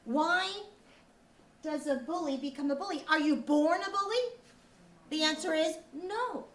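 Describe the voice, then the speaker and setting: A high-pitched woman delivers an earnest, upbeat lesson to schoolchildren. She quizzes them as she goes and repeats key points. The room echoes and the microphone sits at a distance. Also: a little slow, a bit bright. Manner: earnest, upbeat, asks questions and repeats answers. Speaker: teacher leading a school lesson. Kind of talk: interactive school lecture to children. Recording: roomy, distant mic, faint background noise.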